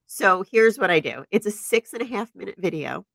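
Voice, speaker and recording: A woman in her forties co-hosting a podcast, telling stories in an animated, casual way and laughing often. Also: mid-range voice, a little fast, gravelly. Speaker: podcast co-host. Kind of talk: casual chat. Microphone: podcast microphone.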